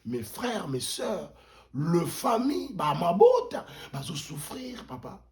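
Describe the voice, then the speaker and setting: A man from the Democratic Republic of the Congo, a pastor appearing as an interview guest, offers impassioned political commentary in a mellow, soft-edged, slightly high voice with a Congolese accent. Indignant and emphatic, he speaks slowly with big pitch swings, repeats words for emphasis, and switches languages mid-sentence.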